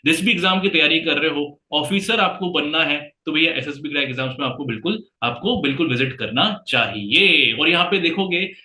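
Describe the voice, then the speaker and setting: A man's voice: fairly high pitch, fairly quick, hardly any pauses, bright, forceful tone, reverberant, a little hiss or hum. A man teaching a current affairs lesson in a chatty, casual way, calling his viewers brother and friends.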